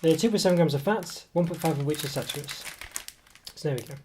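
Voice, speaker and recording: A man with a cold, whose voice keeps coming and going, reviews a snack casually at an indoor table as a food reviewer. His voice sits on the high side with a darkish tone, and he talks fast in a rambling, hesitant way full of fillers and self-corrections. The table camera mic picks up slight background noise.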